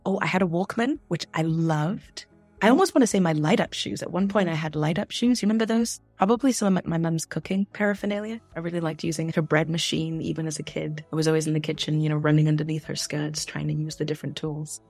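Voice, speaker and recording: A young adult woman answering podcast interview questions in a candid, chatty way with quick asides. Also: low-pitched, darkish tone, no echo, soft background music. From grew up in the Philippines, the States and Tunisia. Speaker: guest, diversity and inclusion consultant.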